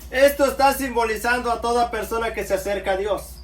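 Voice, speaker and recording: A man with a very high, fairly bright voice preaches a sermon at a slightly quick pace, calling his listeners brothers and answering himself with frequent amens. The room is echoey, the mic sits far off, and faint background noise is present.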